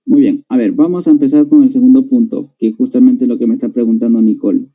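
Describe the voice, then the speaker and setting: A man's voice: medium pitch, steady tone, quick pace, narrow, tinny audio. A male language teacher with a Peruvian Spanish accent, lecturing a class in an explanatory way and checking in with students through tag questions. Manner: explanatory, tags sentences with "¿no?" and addresses students directly.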